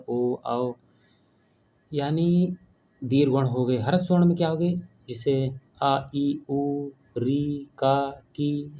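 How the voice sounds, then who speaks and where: A man teaches a grammar class for an online audience, going step by step. He poses questions and answers them himself, in a mellow, darker voice over a faint background hiss. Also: medium pitch. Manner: explanatory, asks and answers his own questions.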